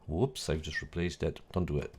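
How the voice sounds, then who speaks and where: A man, the host, talking casually through a screen-recorded software tutorial, correcting himself and making small jokes, his voice a little hoarse. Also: a bass voice, moderate pace. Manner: chatty, self-correcting, jokey asides. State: voice going a bit hoarse.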